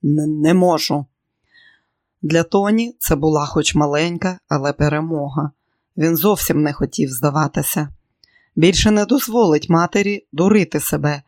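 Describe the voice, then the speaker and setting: Audiobook narrator, measured and even, mid pitch, dead-dry close sound. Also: no echo. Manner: measured storytelling. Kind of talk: scripted narration.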